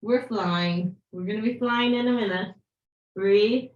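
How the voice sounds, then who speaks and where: A woman leading a live yoga class with playful, encouraging cues and breath counts, her voice going hoarse. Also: medium pitch, measured pace, darkish tone, lo-fi sound. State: losing her voice. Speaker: yoga teacher. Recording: echoey room.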